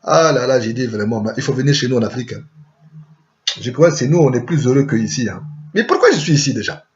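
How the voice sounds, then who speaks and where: A man's voice: medium pitch, expressive, quick pace, highs cut off, slight background noise. A man telling a rambling comic story, full of chatty asides and word-play.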